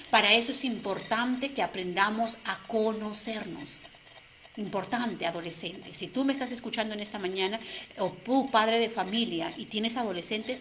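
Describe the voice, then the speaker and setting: A woman's voice: fairly high pitch, a bit bright, slight background noise. A woman life coach speaking earnestly and directly to listeners in a motivational talk, often checking in with "no?".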